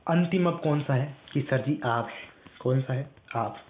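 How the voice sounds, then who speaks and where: Slow, drilling male teacher on tinny audio. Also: medium pitch, a little hiss or hum. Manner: repetitive call-and-response drilling, addresses students directly. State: strained, weak voice. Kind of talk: online classroom lesson.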